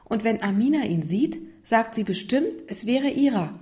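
A woman's voice: fairly high pitch, animated, moderate pace, voice pushed up, close to an everyday voice. A woman doing a cheerful little schoolgirl. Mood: defensive whisper. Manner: gentle, secretive whispering at times. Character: young schoolgirl, cheerful but torn.

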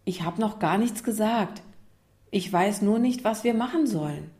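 A woman's voice: mid-range voice, expressive, normal speed, mellow, close to an everyday voice. A curious young schoolboy, voiced by a woman reader, asking eager questions in a raised, boyish tone. Sensible and earnest, he sometimes drops to a whisper. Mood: calm.

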